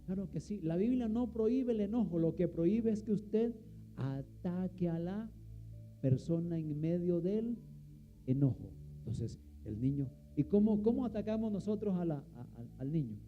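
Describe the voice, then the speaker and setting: Animated preacher. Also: male voice, high-pitched, normal speed, muffled recording, soft background music. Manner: animated, asks the congregation questions and answers them. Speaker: pastor. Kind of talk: sermon.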